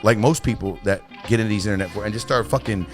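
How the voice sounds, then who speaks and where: On a studio mic, a podcast host with a lowish voice chats casually at a quick pace, swearing often and saying "you know what I mean" a lot. Faint music plays behind him.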